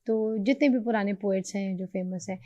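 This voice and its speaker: A woman's voice: mid-range voice, dark tone, lo-fi sound. A young adult woman hosting a morning talk show, who listens attentively and murmurs agreement often.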